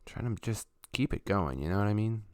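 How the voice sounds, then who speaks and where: A man's voice: on the low side, animated, fairly quick, darkish tone, dry recording, clean studio sound. A man chatting casually on a live stream as a musician, talking loosely with lots of fillers. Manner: laid-back, rambling, chatty with fillers.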